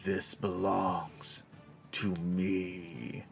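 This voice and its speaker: A man voicing a menacing shadow dragon in a tabletop game, slow, hushed and drawn out. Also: sits low, little pitch movement, vocal fry, soft background music, voice pushed down, exaggerated voice. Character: menacing male shadow dragon claiming its treasure. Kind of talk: tabletop game role-play.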